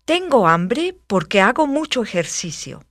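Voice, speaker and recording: A woman with a fairly high voice says single words and short answers for a language lesson, crisp and clipped. Her intonation is lively. The recording is dry and close. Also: normal speed, no room sound. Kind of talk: scripted lesson drills.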